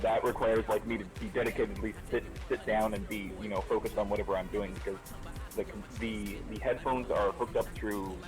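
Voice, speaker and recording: A man on a casual stream call talks through his cell phone and a cheap Bluetooth speaker, so his voice comes out tinny and muffled; he rambles with halting restarts while moving around a room. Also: on the low side. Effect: tinny, muffled sound through a cheap Bluetooth speaker. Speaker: stream guest. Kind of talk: casual chat. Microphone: cell phone over Discord via Bluetooth speaker.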